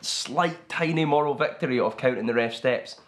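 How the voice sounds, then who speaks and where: A man ranting about football fans in casual chat, animated and swearing. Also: mid-range voice, moderate pace. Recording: crowd noise in background.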